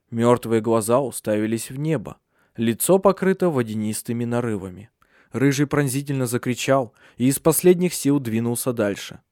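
A man narrating a dark fantasy audiobook in a measured, expressive reading. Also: medium pitch, no room sound, clean studio sound.

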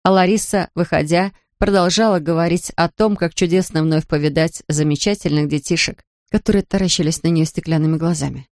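A woman reading an audiobook novel in an even, measured storytelling manner. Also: sits low, no room sound, clean studio sound. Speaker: audiobook narrator. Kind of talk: scripted narration.

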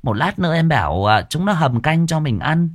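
A man voicing a sharp-tongued, scheming third wife with a shrill, catty manner. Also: brisk, dry recording, studio quality, natural voice.

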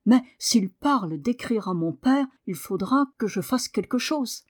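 A woman's voice: a little high, expressive, measured pace. A woman voicing a sickly, headstrong young boy in an audiobook, petulant and insistent. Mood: regretful. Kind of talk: audiobook reading.

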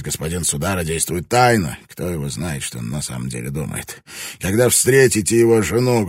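A male reader voicing a furious, bullying samurai lord who barks and shouts his lines in an audiobook. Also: on the low side, breathy edge, dry recording, studio quality. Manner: barking, bullying, explosive shouting. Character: furious proud samurai lord, middle-aged man. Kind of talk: audiobook character reading.

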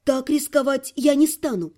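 A guarded young servant lad, cautious and frank, talking plainly in a raised, boyish register, as a man reading a storybook puts him on. His voice stays soft and mellow. He speaks clearly and without fuss. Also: very high-pitched, normal speed, pitched above the performer's own voice. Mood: firm. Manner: guarded, matter-of-fact, clear-spoken.

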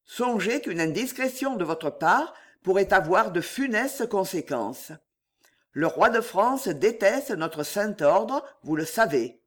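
Audiobook figure: a calm, commanding older Jesuit chief, slow and weighty, read by a man. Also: high voice, heavily acted. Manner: calm, authoritative.

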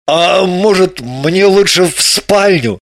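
Brash tipsy middle-aged male gamblers, put on by a narrator; coaxing, slow and lively in pitch. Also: no echo, studio quality. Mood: boastful. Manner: boisterous, coaxing. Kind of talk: audiobook character voices.

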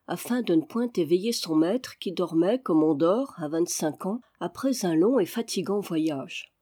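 A woman narrates a classic adventure novel in a measured, expressive reading. Her voice is warm and mellow, with a dark, relaxed tone at a mid pitch for a woman. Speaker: audiobook reader.

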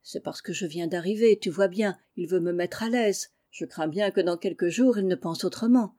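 Woman reading a gentle kind girl. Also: lowish voice, moderate pace, natural voice. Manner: gentle and modest.

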